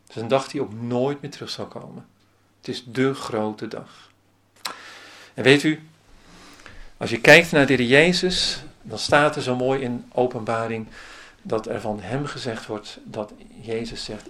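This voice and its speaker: A man's voice: mid-range voice, fairly bright tone. A man preaching a sermon as pastor, asking the congregation many rhetorical questions.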